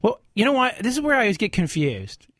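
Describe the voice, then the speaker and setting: A man's voice: sits high, wildly swooping pitch, fast, a bit bright, no echo, studio quality. A man hosting a call-in radio show, casually explaining legal points to a caller. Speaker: radio show host, lawyer. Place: radio studio.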